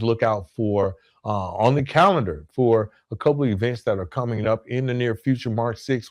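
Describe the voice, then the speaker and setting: Speaking in a mid-range voice, a man hosts a podcast and gives a motivational monologue that's partly scripted. He's earnest and emphatic, leaning on repeated phrasing for impact.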